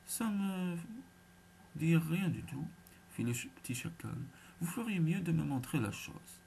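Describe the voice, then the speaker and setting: A man's voice: fairly high pitch, expressive, a little slow, vocal fry, darkish tone, a little hiss or hum, voice pushed up. A man voicing a small sly male jackal who plays dumb and distracted. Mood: mock-confused. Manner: distracted, playfully obtuse.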